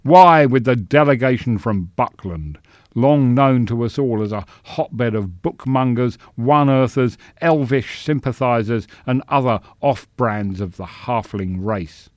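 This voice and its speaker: A man's voice: medium pitch, unhurried, no room sound, lightly acted. A man voicing a bigoted halfling senator who orates in a bombastic, declaiming style, recorded dry. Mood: orating. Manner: bombastic, declaiming filibuster speech.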